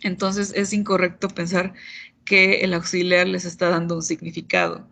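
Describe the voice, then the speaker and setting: Gravelly-voiced woman teaching grammar online. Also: on the low side, moderate pace, bright, forceful tone. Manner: patient, explanatory, playful asides. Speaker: English teacher.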